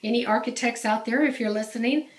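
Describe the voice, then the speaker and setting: Talking fast in a fairly high voice, a woman who vlogs about home organizing shows off her laundry room casually while holding the camera, its mic off screen. She says um often and restarts sentences, and the small tiled room sounds echoey.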